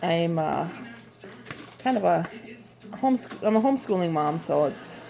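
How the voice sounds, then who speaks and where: A homeschooling mom in her thirties who vlogs about cooking chops vegetables in her home kitchen, talking with a Minnesota accent in an animated but rambling, hesitant way full of fillers. Her voice is on the low side and warm, with vocal fry. It's recorded on a phone propped on the counter for a casual cooking video.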